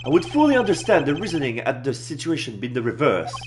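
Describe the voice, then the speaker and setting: A man's voice: medium pitch, wildly swooping pitch, fast talker. A man playing a video game, reading its dialogue aloud and commenting as he goes.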